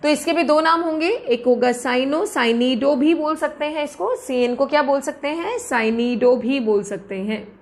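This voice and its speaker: High-voiced woman teaching chemistry. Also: moderate pace, hardly any pauses. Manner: asks questions and answers them herself, calls students "beta". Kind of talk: lecture.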